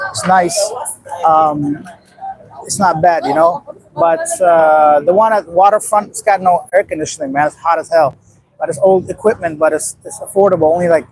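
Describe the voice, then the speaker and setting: A husky, darkish, high voice belongs to this Afghan livestream host in his late thirties, who bluntly rambles through viewer comments in casual chat. The recording is rough.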